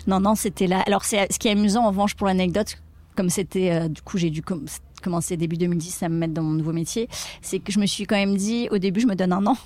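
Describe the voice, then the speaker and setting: Chatting casually in an interview, this actress and comedian in her thirties speaks fast, with a medium-pitched, slightly mellow voice and a steady tone. She acts out quoted lines and laughs frequently.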